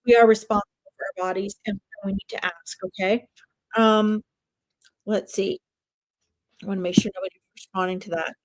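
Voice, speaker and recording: A woman's voice: mid-range voice, fairly even intonation, moderate pace, long pauses, no echo, poor audio. A woman in her fifties, a medium giving chatty live readings straight to her viewers. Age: 50s.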